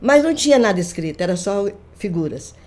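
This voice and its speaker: An older woman, a grandmother, chatting on a podcast and retelling family stories with lively quoted voices. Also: mid-range voice, fairly quick. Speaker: guest, folklorist. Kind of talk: casual storytelling conversation.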